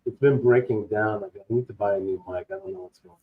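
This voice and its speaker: A man's voice: fairly low pitch, big pitch swings, quick pace, gravelly, breathy edge. A man co-hosting a casual online stream, his voice muffled and boxed-in, as if heard through a wall from a failing microphone. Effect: muffled, boxed-in sound, as if through a wall. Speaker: co-host. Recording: muffled, phone-like failing mic.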